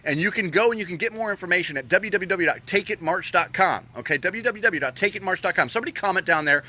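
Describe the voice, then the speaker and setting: A fairly high-pitched man's voice, bright and lively, swinging up and down as he rants on a live stream. He hammers his points home, repeating phrases for emphasis. He sounds like a gun store owner venting to his online viewers. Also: fast. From Florida. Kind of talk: live video rant.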